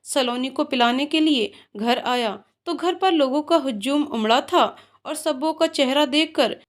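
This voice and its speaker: A woman narrating a moral story in an emotional, moralizing way. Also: sits high.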